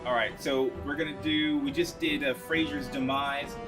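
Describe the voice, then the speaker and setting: A man streaming a game live, chatting casually in a rambling, excitable way with many restarts. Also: mid-range voice, normal speed. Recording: game music playing behind.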